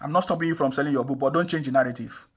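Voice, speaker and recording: Racing along in a mid-range voice, a young Nigerian man from the South South gives impassioned political commentary as an online commentator. He is emphatic and repetitive and throws in frequent rhetorical questions.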